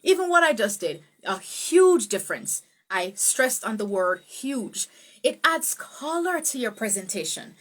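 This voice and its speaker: A woman speech coach giving a live online lesson, her voice sitting a bit higher than most. She stretches words and swings her pitch up and down for emphasis, like she is demonstrating every point. It sounds like a webcam or video call. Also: a little slow. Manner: expressive, swoops pitch up and down for emphasis; greets viewers by name, laughs easily.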